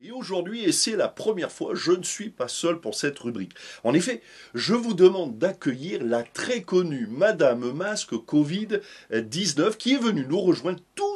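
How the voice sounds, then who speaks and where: A man's voice: a little high, husky. A man hosting a comedic mock interview in a church video segment, mock-formal and ironic.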